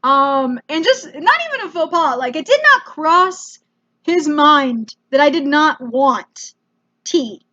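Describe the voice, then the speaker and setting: An American woman telling a comedic travel story in an animated, self-mocking way, with casual swearing. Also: sits high, takes it slowly, lo-fi sound. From United States.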